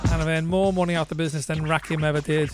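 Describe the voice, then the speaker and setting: A man's voice: on the high side, little pitch movement, racing. A man hosting a DJ livestream, chatting casually and swearing now and then between tracks. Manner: laid-back, swears casually, chuckles. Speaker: DJ and livestream host. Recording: music playing loudly underneath.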